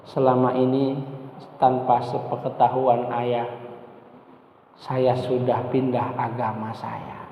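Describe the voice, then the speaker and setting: A man voicing a teenage girl slowly and hesitantly confessing in a hushed voice. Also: mid-range voice, flat delivery, a little hiss or hum, voice pushed down, lightly acted. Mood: ashamed. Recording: tinny, echoey mosque hall.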